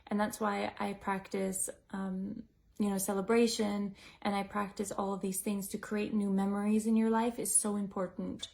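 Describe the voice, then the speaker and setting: Woman breathwork teacher, gravelly voice, kinda flat, gentle rambly talk with lots of likes. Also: medium pitch, moderate pace. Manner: gentle, musing, with many "like" and "you know" fillers. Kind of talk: reflective teaching talk to a group.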